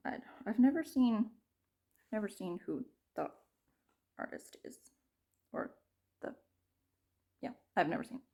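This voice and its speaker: A woman's voice: medium pitch, expressive, a little slow, long pauses, mellow. A woman chats unhurriedly about her stitching projects, taking her time over every thought. She wanders off track, corrects herself and laughs at her own slips, her voice sometimes sinking to a near whisper. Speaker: cross-stitch vlogger. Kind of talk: casual show-and-tell.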